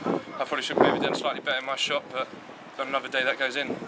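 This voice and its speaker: A young male footballer giving a measured, plain-spoken post-match interview outdoors at a floodlit ground at night. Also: medium pitch, monotone. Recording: loud wind noise outdoors.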